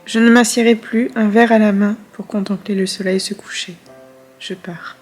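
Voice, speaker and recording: A woman's voice: medium pitch, steady tone, normal speed, a little mellow, faint music behind, natural voice. A woman reading aloud in the voice of an elderly grandmother who looks back on her life with grief and tenderness. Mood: wistful.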